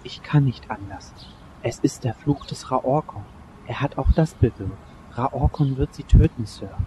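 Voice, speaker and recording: A man's voice: medium pitch, unhurried, warm tone, a little hiss or hum, natural voice, poor audio. An actor playing a formal, fearful male butler who is obsessed with a curse, in a radio play. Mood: ominous. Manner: formal, ominous.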